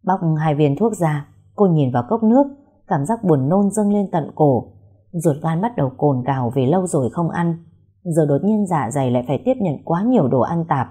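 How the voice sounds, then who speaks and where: A woman narrating a story in a measured, even reading voice. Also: low-pitched, slightly rough.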